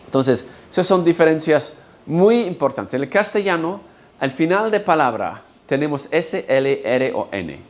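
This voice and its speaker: A man's voice: a little high, big pitch swings, measured pace. Patient man lecturing. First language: English. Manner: explains patiently, checks in with "¿no?" and "¿ok?". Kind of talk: university-style lecture. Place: lecture hall.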